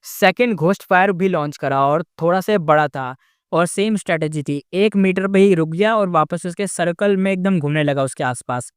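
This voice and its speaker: A man's voice: high-pitched, normal speed, clear, resonant tone, no room sound, clean studio sound. A man casually retelling a novel's story in a chatty way, talking straight to his listeners.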